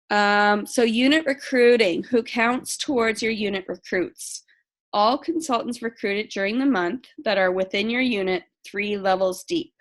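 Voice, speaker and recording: A woman casually walking a sales team through program rules, reading questions aloud and answering them with frequent ums. She says she is losing her voice. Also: medium pitch. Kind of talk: casual training talk.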